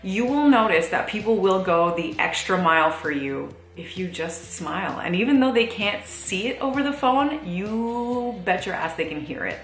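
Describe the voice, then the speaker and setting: A woman's voice: mid-range voice, expressive, normal speed, hardly any pauses, reverberant, faint music behind. A thirty-year-old woman vlogging in a chatty, casual way, laughing often and using lots of fillers. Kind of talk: casual chat to camera.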